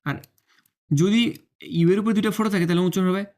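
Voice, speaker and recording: A Mandarin teacher, giving an online lesson, repeating each sound slowly, showing tongue and breath, and often asking whether the learner follows. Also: mid-range voice, steady tone, a little mellow. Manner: drills sounds by slow repetition, often checks understanding; demonstrates tongue and breath on camera.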